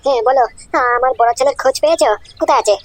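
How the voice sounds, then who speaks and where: Pushy boss man played by a woman, high, fast, firing questions. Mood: impatient. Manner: demanding, impatient questions. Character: impatient demanding male boss.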